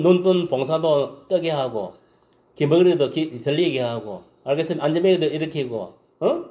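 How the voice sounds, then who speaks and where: Man, pastor, Sunday sermon, fairly high voice, very lively pitch, keeps asking "understand?". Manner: swings from loud exclamations to low muttering.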